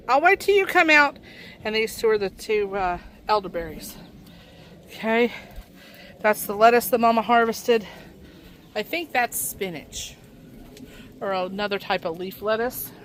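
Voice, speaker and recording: A woman's voice: mid-range voice, fairly bright tone, a little hiss or hum. A woman, out of breath, chatting casually to viewers on a garden vlog and talking to her pets as she walks outdoors. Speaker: vlogger.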